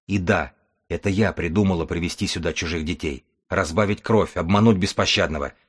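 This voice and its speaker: Hoarse, desperate healer woman from a grim post-apocalyptic audiobook, read by a man: low and husky, bitter and pleading. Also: a little fast. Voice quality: hoarse, rasping.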